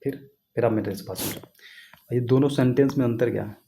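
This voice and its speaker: A man teaches English grammar in a relaxed classroom style, repeating his points, questioning students to check they're following, and writing on a board. His voice is medium-pitched and warm with vocal fry, he talks briskly, and there's slight background noise.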